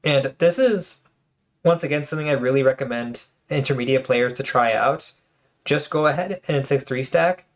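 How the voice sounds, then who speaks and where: Moderately paced and mid-range, this man's voice carries his casual commentary on tournament replays for his own channel. He jokes and chats, repeatedly restarting and filling pauses.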